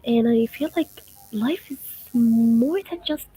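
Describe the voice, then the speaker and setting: A young woman from Gaza, Palestine, whose first language is Arabic, hosts a livestream, chatting casually and reading follower comments aloud in a thoughtful, unhurried way. Her voice is on the high side, dark-toned and slightly rough, with faint music behind her in a rough recording.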